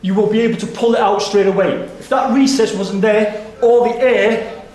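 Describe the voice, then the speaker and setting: Male instructor, high-pitched firm demonstration, very echoey hall. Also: steady tone, normal speed, a little mellow. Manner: firm, explanatory. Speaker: weapons instructor. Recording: very echoey room.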